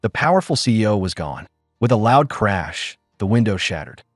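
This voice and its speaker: A man's voice: on the low side, big pitch swings, normal speed, dry recording, studio quality, soft background music. A man narrating a dramatic story in a scripted, storytelling reading.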